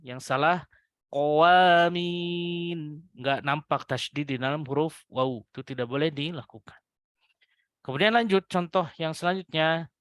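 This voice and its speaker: A man teaching Quran recitation rules to adult students, patiently repeating example words slowly with a lifted voice and addressing his listeners politely. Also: fairly high pitch, a bit bright, no echo. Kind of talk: tajwid lesson to adult students.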